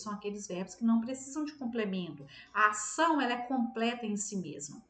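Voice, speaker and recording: A woman's voice: fairly high pitch, reverberant. Chatty Brazilian woman teaching grammar. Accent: Brazilian Portuguese. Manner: chatty, acts out student questions and answers them. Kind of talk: casual online grammar lesson.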